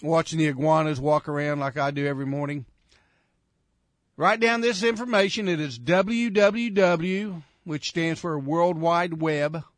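A man's voice: a little high, normal speed, fairly bright tone, dry recording, studio quality. A man hosting a radio show, talking casually and rambling with many fillers.

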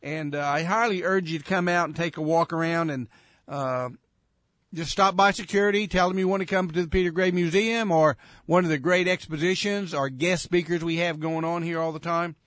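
A man hosts a casual radio show in a bright, high voice. He rambles warmly through announcements with plenty of fillers. The sound is dry and close, as in a small studio. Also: steady tone, a little fast, dry recording. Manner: rambling, friendly, many fillers.

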